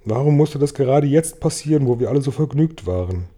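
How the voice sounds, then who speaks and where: A man's voice: medium pitch, lively intonation, a little fast, warm tone, slightly rough. Man reading as a fretful ladybird. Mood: lamenting. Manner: lamenting. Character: gentle female ladybird, fretful.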